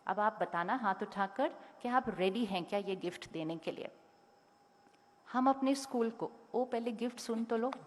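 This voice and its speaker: Speaking at a normal speed in a fairly high voice, a woman motivational speaker gives a talk to a school audience. She addresses them directly with questions and instructions, her words echoing with the hall's long reverb.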